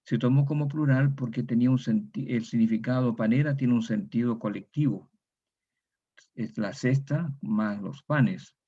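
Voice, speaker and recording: In a muffled recording of an online lecture, a Chilean university lecturer speaks in a mid-range voice that is creaky with a breathy edge. He proceeds methodically, saying each example word twice and tacking on tag questions.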